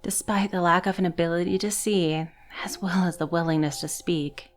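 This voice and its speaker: A woman narrating a horror story in a measured, scripted storytelling manner. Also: on the low side, fairly even intonation, soft background music.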